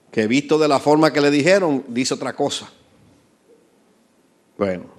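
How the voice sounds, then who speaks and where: A man, a pastor, preaching a sermon, asking the congregation questions and letting his voice rise and fall in volume for emphasis. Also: medium pitch. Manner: volume swells and drops for emphasis.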